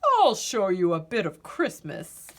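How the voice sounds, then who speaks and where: A woman voicing a gigantic, jolly, kindly old Santa in a storybook, with a drawn-out, jovial delivery. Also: medium pitch, wildly swooping pitch, background noise.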